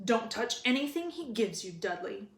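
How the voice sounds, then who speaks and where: A woman's voice: on the high side, big pitch swings, moderate pace. Storybook uncle read by a woman: pompous, stern man, formal clipped orders, echoing room. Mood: indignant, sharp. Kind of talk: children's storybook read-aloud. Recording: roomy echo.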